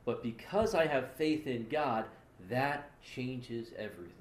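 A man's voice: mid-range voice, expressive, a little slow. A man co-hosting a casual theological discussion, explaining earnestly with frequent restarts. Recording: roomy echo.

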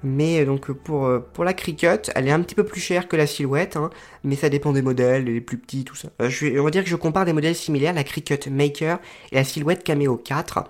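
Hesitant man explaining crafting tools. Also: a little high. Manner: hesitant, searching for words with many pauses. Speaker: crafting video creator. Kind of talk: casual explanatory talk to camera.

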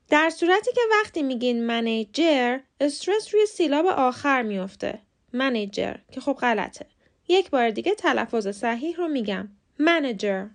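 A woman who speaks Persian as her first language hosts a podcast lesson, explaining calmly and clearly and saying model words slowly. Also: high voice. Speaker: podcast host teaching English pronunciation.

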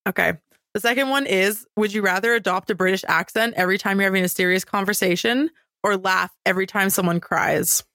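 A young woman with a mid-range voice co-hosts a casual podcast, reading out questions and slipping in dry, quick quips. The sound is close and dry. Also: mid-range voice, steady tone, sharp tone, no echo. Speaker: podcast co-host. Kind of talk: casual chat.

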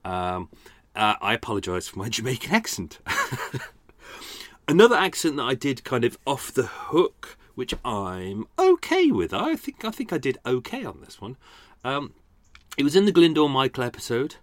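Huge pitch swings mark this man's mid-range voice as he hosts a podcast at normal speed. The dry recording catches a casual, chatty style, with frequent laughter at himself.

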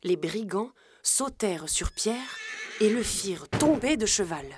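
A woman reading a children's storybook aloud in a gentle, measured storytelling voice. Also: mid-range voice, sing-song, background noise. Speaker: narrator. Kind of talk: scripted storybook narration.

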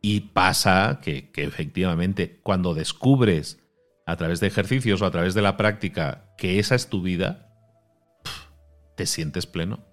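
A middle-aged man hosts a relaxed podcast chat in a lowish voice. He talks animatedly, laughs often and drops to quieter asides. Soft music plays faintly behind him. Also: a little slow. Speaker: podcast host. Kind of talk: casual podcast conversation.

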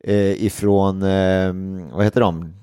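Man, casual chat, animated storyteller, dry close sound. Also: sits low, clear, resonant tone, no echo. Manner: lively storyteller who acts out quoted people.

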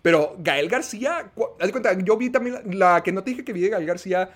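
A man's voice: high-pitched, animated, brisk. A man with a Mexican accent, a podcast host giving a rambling, casual film review with many fillers.

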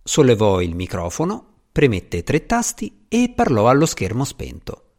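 A man narrating a novel in a measured storytelling delivery. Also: medium pitch, wildly swooping pitch, a little mellow. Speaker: audiobook narrator. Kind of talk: scripted narration.

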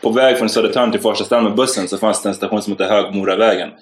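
A man's voice: lowish voice, fairly even intonation. A man co-hosting a casual podcast, telling a rambling story through laughter. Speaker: podcast co-host. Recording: roomy echo.

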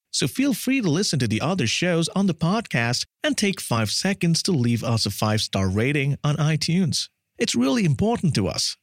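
High-pitched, animated male documentary narrator. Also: dry recording, studio quality. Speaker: podcast narrator, host. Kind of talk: scripted true-crime documentary narration.

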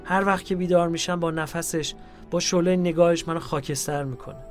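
Man, diary reading, calm and measured, slightly high voice, faint music underneath. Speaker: narrator.

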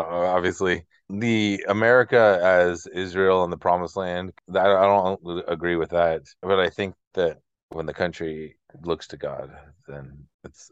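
On a laid-back music chat show, a male co-host thinks aloud in a hesitant, reflective manner full of fillers. His voice is low and smooth, captured in a dry recording with dull audio.

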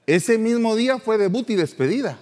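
Middle-aged male storyteller, playful and animated, higher voice, long reverb. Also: a little fast. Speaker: podcast host. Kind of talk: personal storytelling.

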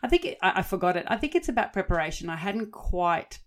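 A woman co-hosting a podcast, telling stories in lively casual chat with easy laughs and chatty asides. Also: mid-range voice, fast talker. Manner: animated storyteller, laughs easily, chatty asides. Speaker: podcast co-host.

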